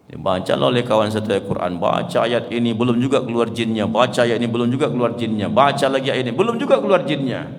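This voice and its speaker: A man preaching a lively storytelling sermon, often addressing listeners directly. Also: mid-range voice. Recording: reverberant hall.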